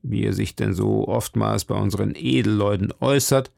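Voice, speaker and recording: A man reading aloud and voicing a stern, shrewd older captain of musketeers in a measured, lecturing manner. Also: fairly low pitch, gravelly, a little mellow, no room sound, clean studio sound. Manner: measured, lecturing, drops to murmurs. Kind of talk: audiobook reading.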